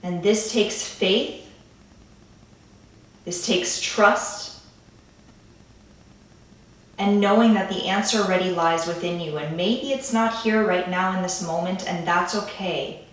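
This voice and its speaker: A woman leading a calm grounding meditation in a gentle, soothing way, with pauses between phrases. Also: fairly low pitch. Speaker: meditation guide. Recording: echoey room, distant from the mic.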